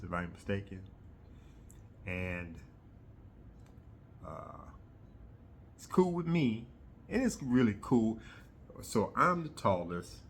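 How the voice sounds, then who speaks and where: A middle-aged man chatting casually to his viewers in a rambling, halting way, often pausing mid-sentence. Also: lowish voice, a little hiss or hum. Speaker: host of a hobby video channel. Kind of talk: casual rambling vlog chat.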